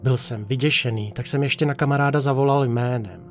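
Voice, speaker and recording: Calm man narrating a horror story. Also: medium pitch. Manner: calm, measured first-person telling. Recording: narration over faint music.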